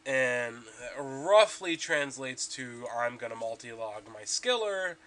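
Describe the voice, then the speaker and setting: A man's voice: mid-range voice, animated, slow pace, fairly bright tone, a little hiss or hum. A young man rambling casually about his gaming progress as a podcast host, stuffy from allergies, with lots of ums and restarts.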